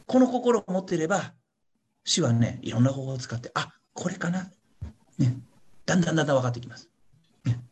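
Here a pastor talks fast in a fairly high, darkish, slightly rough male voice with big pitch swings, pausing often. He leads a Bible study for his congregation in an online meeting, keeping the teaching sermon casual, chatty and playful. Little questioning "ne" tags follow his sentences, and he acts out small voices for examples.

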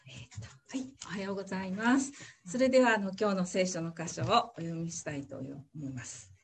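A woman reading a Bible passage aloud in church, steady and careful, then praying. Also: on the low side, fairly quick, breathy edge. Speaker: scripture reader.

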